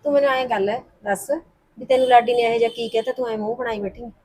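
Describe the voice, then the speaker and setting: An actress plays a middle-aged mother who keeps calming her daughter. She talks quickly and sits a little high, pleading and soothing. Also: lightly acted. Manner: soothing, pleading, says "puttar" a lot. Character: soothing middle-aged mother smoothing over family quarrels. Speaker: the heroine's mother.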